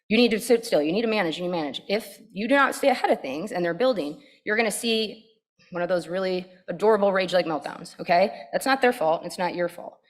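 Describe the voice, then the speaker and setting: An energetic woman psychologist presents to a room of parents, her voice sitting a little low for a woman. She talks in a lively, conversational way and keeps checking in with her listeners as she explains. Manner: energetic, animated and quick to react; conversational, with frequent "right?" and "okay?" checks. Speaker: pediatric psychologist.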